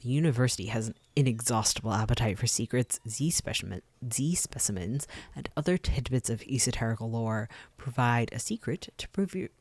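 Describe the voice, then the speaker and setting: A streamer playing a video game, reading the game's text aloud with frequent ums and quick side comments into a close desk mic. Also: medium pitch, animated, dry recording.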